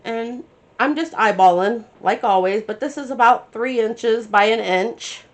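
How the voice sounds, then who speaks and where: A woman with a slightly high voice and a measured pace hosts a crafting channel tutorial. She chats casually and thinks aloud while she works, sounding a bit congested from her sinuses.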